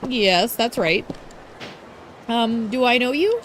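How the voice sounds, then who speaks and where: A woman's voice: fairly high pitch, animated, takes it slowly, a little hiss or hum, pitched above the performer's own voice. Woman reading a meek, polite young idol girl. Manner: apologetic and meek.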